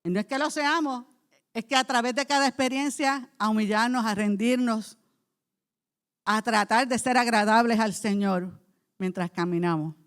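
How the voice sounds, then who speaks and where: A woman pastor preaching a sermon in church, impassioned, moving from soft speech to loud cries. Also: fairly high pitch, fairly even intonation, normal speed.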